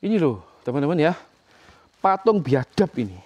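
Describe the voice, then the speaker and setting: A man's voice: a little high, sing-song, moderate pace, darkish tone. A man, filming a ghost-hunting vlog in an abandoned village, angrily taunting and swearing at the spirits. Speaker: paranormal explorer vlogger.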